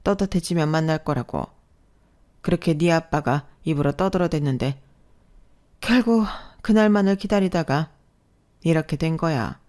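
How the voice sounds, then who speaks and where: A woman's voice: low voice, normal speed, pauses often, darkish tone, close to an everyday voice. Woman doing a pushy guilt-tripping aunt. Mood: reproachful. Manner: insistent, reproachful guilt-tripping. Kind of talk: storytelling radio drama.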